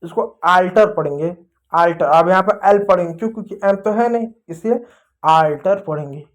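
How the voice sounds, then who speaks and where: A man teaching an English phonics lesson to children. He asks his own questions, answers them, and repeats example words slowly and emphatically, often addressing the children affectionately. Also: sits high. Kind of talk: classroom-style phonics lesson.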